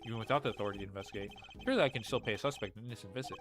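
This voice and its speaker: A man voicing a composed male prosecutor from a game, reading in a measured, formal way. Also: fairly low pitch, a bit bright, pitched below the performer's own voice, close to an everyday voice. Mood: grave.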